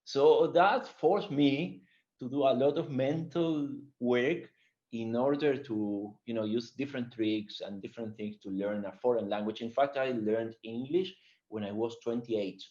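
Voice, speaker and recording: A man with a strong Spanish accent presents a webinar as its guest speaker. He talks in an animated way, with many fillers and restarts, at a middling pitch. The sound is dull and lo-fi, like an online call. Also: unhurried.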